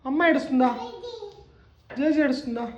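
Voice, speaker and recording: High-pitched woman teasing a child. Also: fairly even intonation, brisk, muffled recording. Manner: teasing, mock-scolding. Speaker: family member teasing a child. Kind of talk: casual home video. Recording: echoey room with loud background noise.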